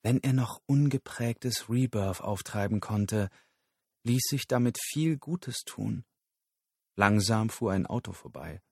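A man narrating an audiobook in a steady, measured storytelling voice. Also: fairly low pitch, vocal fry, husky, dry recording, clean studio sound.

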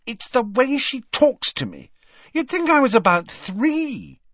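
A man's voice: extremely high pitch, huge pitch swings, a little slow, fairly bright tone, dry recording, muffled recording, pitched above the performer's own voice, full character voice. A man voicing a sulky teenage girl who speaks in a snappy, sly way.

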